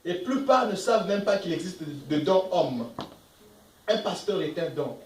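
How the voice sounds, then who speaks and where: A man's voice: high-pitched, animated, measured pace, darkish tone, roomy sound, distant mic, rough recording. A man preaching a sermon as pastor, emphatic, asking the congregation questions and reading verses aloud. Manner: reads scripture verses aloud between comments. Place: church.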